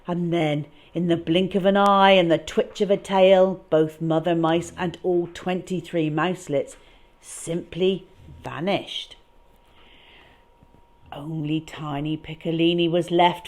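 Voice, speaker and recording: With a lowish, somewhat dark-toned voice, a female children's storyteller reads from a picture book, stressing words emphatically in a dramatic, deliberate manner.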